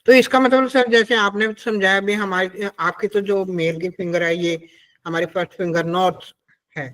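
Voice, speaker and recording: A man with a fairly high voice speaks as a student in an acupressure class. He answers hesitantly and politely defers to the teacher as "sir.". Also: steady tone, moderate pace, fairly bright tone, rough recording. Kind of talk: class discussion.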